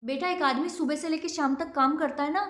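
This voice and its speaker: A woman's voice: sits high, fairly even intonation, a little fast, close to an everyday voice. A woman playing a middle-aged mother who lectures and scolds but is kind at heart, in a home-made short drama. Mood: lecturing. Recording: echoey room.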